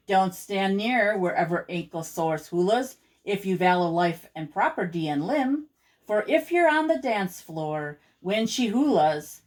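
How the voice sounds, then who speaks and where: An older grandmother with a medium-pitched voice reads rhyming children's poems aloud. Her delivery is theatrical, rhythmic and full of expression.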